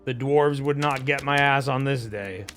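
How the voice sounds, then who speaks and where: Profane game-streaming man over loud music. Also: mid-range voice, moderate pace. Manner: profane, excitable. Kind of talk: casual live game commentary to chat.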